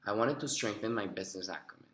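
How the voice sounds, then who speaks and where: A young man speaks in a somewhat low voice, delivering prepared answers for a video job interview. His talk is earnest and a little rehearsed, with the odd "um". The sound is roomy and echoey. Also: fast, fairly bright tone. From Costa Rica. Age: young adult. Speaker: job applicant. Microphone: recorded himself on video.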